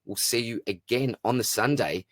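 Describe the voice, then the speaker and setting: This fantasy sport Q&A host works through the mailbag alone, answering questions in a relaxed, matey way with lots of slang. He speaks at a medium pitch and moderate pace, his voice a bit bright, with no echo.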